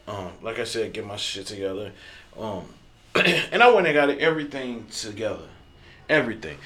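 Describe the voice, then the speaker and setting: A man hosting a podcast, telling a story in a loose, profane, casual way with many fillers and throat clearing. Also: fairly low pitch, a bit bright. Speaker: podcast host.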